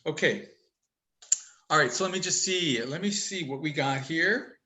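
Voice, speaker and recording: Male instructor on a video call, fairly high and bright-toned, fast and teasing. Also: low-quality recording. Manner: chatty, upbeat, teasing jokes; talks quickly. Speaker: college instructor. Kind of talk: casual online class over video call.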